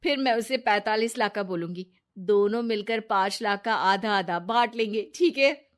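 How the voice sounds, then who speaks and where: A woman's voice: mid-range voice, normal speed, lightly acted. A woman voicing a scheming, jealous young woman in a cartoon story, with a wheedling way of talking. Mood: sly. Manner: wheedling, with put-on sobbing.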